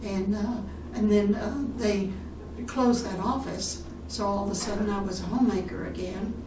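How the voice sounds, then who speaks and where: A woman's voice: mid-range voice, normal speed. An older woman from Texas, a retirement community resident being interviewed about her life. She speaks unhurriedly, with many fillers and restarts. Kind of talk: recorded oral history interview. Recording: roomy, distant mic with background noise.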